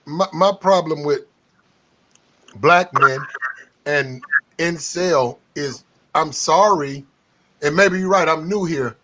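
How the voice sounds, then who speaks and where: Excitable high-voiced stammering man. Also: slow, pauses often. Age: 30s. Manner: stammering, excitable, keeps saying hold on. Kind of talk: heated casual debate.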